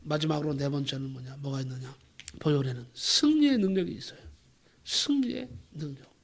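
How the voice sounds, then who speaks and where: A man's voice: a little high, lively intonation, a little fast. A male pastor preaching a sermon, telling a story and asking the congregation rhetorical questions with emphasis.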